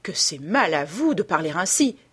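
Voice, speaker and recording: A woman's voice: fairly low pitch, very animated, normal speed, fairly bright tone, breathy edge, heavily acted. A woman reading a teasing aristocratic duchess. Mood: concerned. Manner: bantering, teasing.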